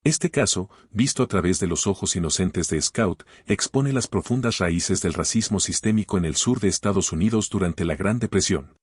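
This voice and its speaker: A man hosting a podcast, reading scripted literary commentary in a measured, formal way and posing rhetorical questions. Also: low-pitched, husky, no echo, studio quality. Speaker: podcast host.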